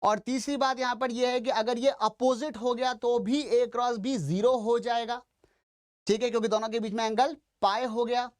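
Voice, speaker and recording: A man's voice: extremely high pitch, fairly even intonation, moderate pace. A male teacher giving a step-by-step classroom lecture at a board, addressing his students directly and slipping English phrases into his Hindi.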